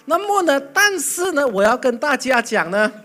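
Animated preacher. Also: sits high, normal speed, faint music behind. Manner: animated, loud bursts, mimics chanting. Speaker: pastor. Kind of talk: lively sermon with acted stories.

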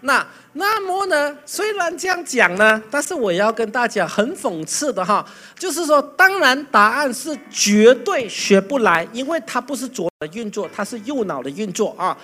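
A pastor giving a lively sermon full of acted stories, breaking into loud bursts. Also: medium pitch, moderate pace, hardly any pauses. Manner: animated, loud bursts, mimics chanting.

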